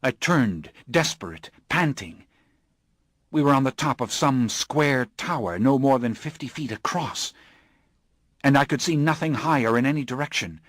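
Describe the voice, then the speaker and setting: A man reading an audiobook in scripted narration, hushed and low in the eerie passages and urgent in the action. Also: expressive, moderate pace, no room sound, clean studio sound.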